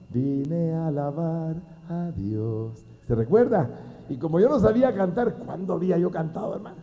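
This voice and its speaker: A man giving a testimony as a preacher, swinging between hushed and loud emotional speech. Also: on the high side. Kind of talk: sermon testimony. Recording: dull lo-fi recording.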